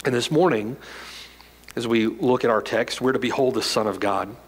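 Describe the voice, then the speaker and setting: A male pastor preaching a sermon emphatically, repeating phrases and swinging from loud declarations to hushed lines. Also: medium pitch, moderate pace, breathy edge, long reverb tail.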